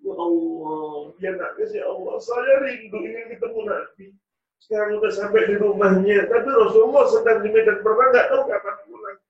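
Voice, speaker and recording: A man's voice: high voice, normal speed, pitched above the performer's own voice, lightly acted. A male preacher voicing a humble young man who longs to meet the Prophet, with a pleading, tearful tone. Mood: longing, pleading. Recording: distant, roomy, dull sound.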